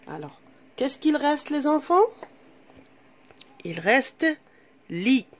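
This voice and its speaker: Slow, patient woman teaching children. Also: mid-range voice. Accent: Algerian French. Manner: slow, patient, repeats and asks questions to pupils. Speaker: primary school teacher. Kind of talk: classroom reading lesson.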